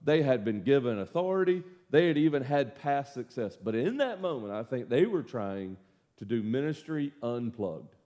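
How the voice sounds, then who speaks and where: Middle-aged pastor, folksy and self-mocking, animated pitch swings. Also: male voice, moderate pace. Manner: folksy, self-deprecating storyteller with lively swings. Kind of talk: casual Bible study teaching.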